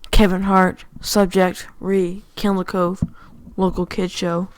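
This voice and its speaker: Female horror reader, flat delivery, dead-dry booth sound. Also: fairly low pitch, takes it slowly, smooth, dry recording, low-quality recording. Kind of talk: scripted horror narration.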